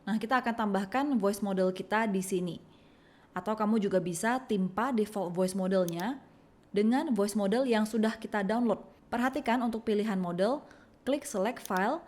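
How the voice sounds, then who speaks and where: Speaking in a mid-range voice, a woman presents a scripted software tutorial, guiding the listener step by step in an instructional style.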